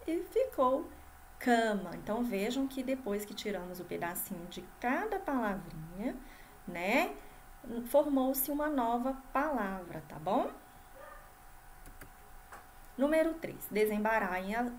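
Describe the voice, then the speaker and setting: A woman's voice: fairly high pitch, slight background noise. A Brazilian woman teaching first graders in a video lesson, stretching out syllables and often checking in with the class. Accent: Brazilian Portuguese. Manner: sing-song, drawn-out syllables for children; constant checking questions to the class. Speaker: primary school teacher. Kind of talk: video lesson for young children.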